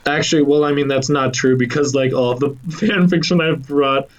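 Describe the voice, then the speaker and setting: A man co-hosting a podcast in casual chat, excitable, laughing often and swearing now and then. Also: medium pitch, normal speed, very noisy. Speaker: podcast co-host.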